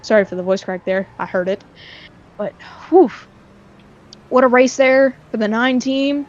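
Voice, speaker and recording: A woman giving casual live commentary on an online sim race, repeating herself and quick to get excited when the racing tightens. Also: fairly high pitch. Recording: dull lo-fi stream mic.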